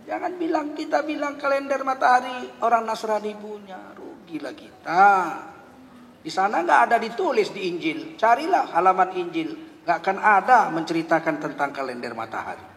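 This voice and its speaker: High-voiced man preaching in a reverberant hall. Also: moderate pace, creaky. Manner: lively anecdotal telling, acting out both sides of dialogue. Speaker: Islamic preacher. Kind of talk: humorous sermon storytelling. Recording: long hall reverb, faint background noise.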